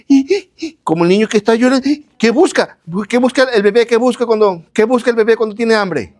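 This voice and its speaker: A man preaching a sermon, asking questions and answering them himself, repeating phrases in lists, speaking straight to his listeners. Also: sits high. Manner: addresses listeners directly.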